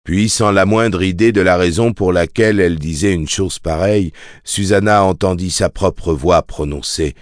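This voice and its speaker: A man narrating a novel as an audiobook in a measured, even storytelling manner. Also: sits low, no room sound, clean studio sound. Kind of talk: scripted narration.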